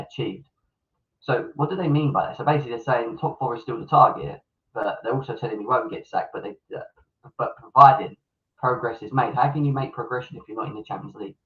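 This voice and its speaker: A British man hosting a casual football fan show, his voice muffled and underwater-sounding through a faulty microphone. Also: mid-range voice. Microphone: malfunctioning microphone on a remote call.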